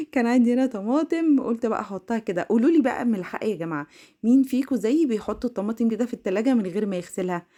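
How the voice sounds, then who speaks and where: A young Egyptian woman talks straight to her viewers over a home cleaning video. Her delivery is quick and bubbly. Her voice sits a little high with a soft, mellow tone. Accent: Egyptian Arabic. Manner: fast, excitable, laughing, addresses viewers directly. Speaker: home vlogger. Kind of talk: chatty cleaning vlog voice-over.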